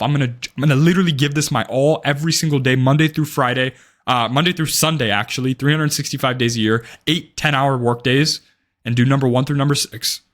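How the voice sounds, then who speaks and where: A man's voice: fairly high pitch, a bit bright. A man of about twenty giving blunt, emphatic advice straight to camera, swearing freely and often ending points with "right?". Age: young adult. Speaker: day trading vlogger. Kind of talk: direct-to-camera advice talk.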